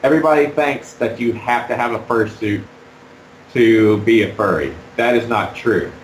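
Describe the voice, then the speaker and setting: A man being interviewed about fursuiting while wearing a fursuit head, talking in a halting, rambling way with many fillers. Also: mid-range voice, reverberant, a little hiss or hum, low-quality recording. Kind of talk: casual interview.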